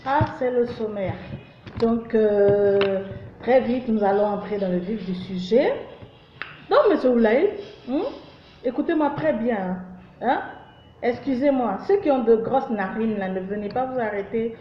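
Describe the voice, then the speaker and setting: A woman's voice: fairly high pitch, measured pace, a little hiss or hum. Chatty woman telling a joke story. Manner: chatty, teasing, lots of fillers. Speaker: comedy vlog host. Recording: roomy, dull lo-fi.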